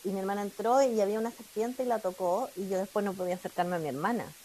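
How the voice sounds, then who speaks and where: A woman's voice: mid-range voice, a little mellow, slight background noise, poor audio. A young woman with a Chilean accent, telling anecdotes in casual chat. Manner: fast anecdotal storytelling.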